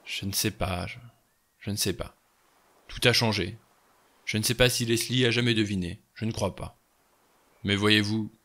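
A man voicing a weary, haunted old general who speaks slowly and quietly with regret. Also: lowish voice.

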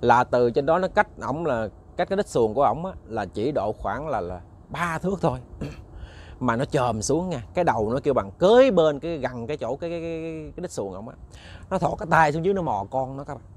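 A man's voice: mid-range voice, lively intonation, a little fast. Southern Vietnamese man telling a ghost story. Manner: chatty, repeats words while searching, addresses listeners directly. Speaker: ghost story narrator, channel host. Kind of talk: casual spoken ghost storytelling to listeners.

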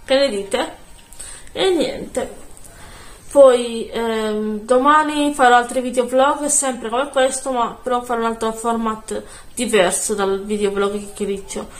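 A woman chatting casually into her phone camera at home, soft-spoken and rambling, often correcting herself. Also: a little high, steady tone, takes it slowly, reverberant. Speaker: beauty vlogger. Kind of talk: casual vlog chat.

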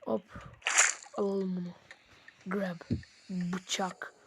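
A woman giving casual let's-play commentary, excitable, talking straight to her viewers and slipping into whispered asides. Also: on the low side, extremely slow, breathy edge. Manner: excitable, often addresses viewers as "friends", drops into whispered asides. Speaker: gaming channel host.

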